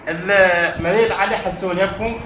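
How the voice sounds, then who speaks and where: A man's voice: sits high, fairly even intonation, normal speed, natural voice. A man with an Iraqi accent playing a distressed, confused caller looking for a sick relative over the phone, rambling and pleading. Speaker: prank caller. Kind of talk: prank phone call. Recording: dull, echoey phone call with faint noise.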